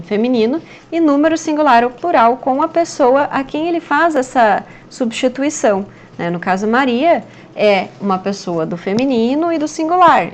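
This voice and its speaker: A woman's voice: fairly high pitch, slight background noise. A woman teacher, explaining grammar over slides and checking in often with the class. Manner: patient, checks in often with "né?" and "certo?".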